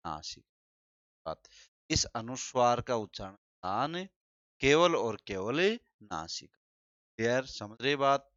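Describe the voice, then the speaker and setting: Teaching Hindi grammar, this man uses an expressive, mid-range voice with a slight brightness, repeating important terms and quizzing listeners. He talks in a deliberate, drawn-out way. There's no echo, and the recording sounds dry and a little dull.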